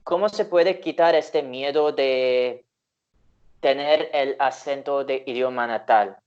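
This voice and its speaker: A man with an Indian accent leads a relaxed interview, speaking slowly and carefully as he poses his questions. His voice comes through dull, lo-fi call audio. He keeps an even, unhurried pace. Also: mid-range voice, clear, resonant tone. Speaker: interviewer, channel host. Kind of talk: casual interview over a call.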